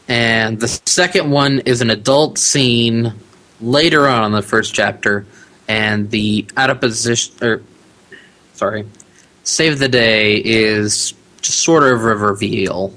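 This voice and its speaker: Appearing as a guest on a casual podcast interview, a man who also narrates audiobooks talks in a bright, forward, mid-range voice. He comes across relaxed and chatty, laughing easily.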